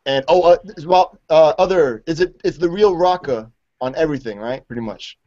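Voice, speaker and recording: A man hosting a college radio interview, relaxed and joking, always saying "you know what I'm saying". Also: fairly high pitch, normal speed. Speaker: radio show host. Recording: dull lo-fi radio recording.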